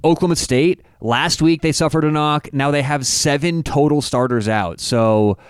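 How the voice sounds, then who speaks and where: Male sports-betting analyst, casual and stat-driven, clean smooth voice, dry close mic. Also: a little high, no echo. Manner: stat-heavy, halting with restarts.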